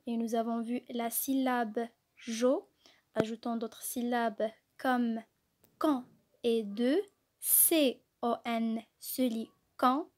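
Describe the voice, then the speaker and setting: A woman teaching a reading lesson to young children. Her voice sits a little high, and she moves at an unhurried, deliberate pace. She sounds out letters and syllables one by one. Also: a little mellow. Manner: spells out letters and syllables carefully. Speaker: kindergarten teacher.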